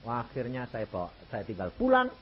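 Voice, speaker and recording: A man's voice: a little fast, breathy edge. A man with a Javanese accent preaching a sermon, telling a story and acting out the voices in it. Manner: animated, acts out dialogue with wide pitch swings. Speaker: evangelist preacher. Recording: muffled lo-fi recording with faint noise.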